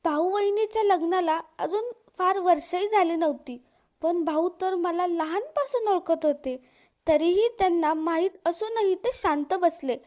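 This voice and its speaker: A woman narrates a heart-touching story in the first person. Her manner is sorrowful and pleading, and her voice sits very high. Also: a little slow, darkish tone.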